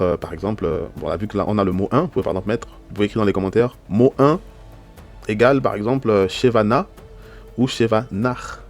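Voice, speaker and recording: A man's voice: sits low, a little mellow. A man teaching an online language lesson, explaining patiently step by step and often checking that his listeners follow. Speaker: Hebrew teacher.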